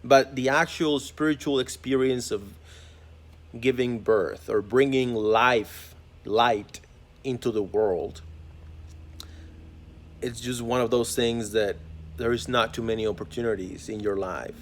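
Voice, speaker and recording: A man's voice: medium pitch, a little slow, slight background noise. A man giving a reflective spiritual monologue as a holistic vlogger, earnest and musing, often restarting his phrases.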